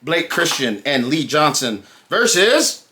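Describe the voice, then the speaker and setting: A man with a fairly high voice co-hosts a wrestling recap podcast. He welcomes listeners in a showy, sing-song way, then walks through the action in loose, friendly chat full of fillers. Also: sing-song, slow pace, pushed and bright, slight background noise. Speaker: podcast co-host.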